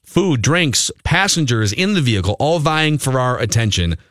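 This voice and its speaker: A man's voice: medium pitch, expressive, normal speed, a bit bright, dry recording, studio quality. A man with an American accent talking as a sports talk radio host, conversational and ad-libbing between banter and live reads.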